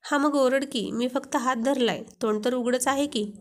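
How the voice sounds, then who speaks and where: A woman's voice: sits high, steady tone, normal speed, natural voice. A woman voicing a playful young husband who keeps teasing his wife. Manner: teasing, joking.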